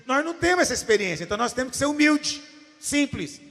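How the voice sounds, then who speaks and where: A Brazilian pastor preaching in a church hall, his high, gravelly voice rising and dropping across a wide range. He moves between quiet, confiding asides and sudden shouted emphasis, and the big room rings with a long reverb behind him. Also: fast. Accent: Brazilian Portuguese. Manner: animated preaching, swinging from hushed asides to shouts. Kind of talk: sermon.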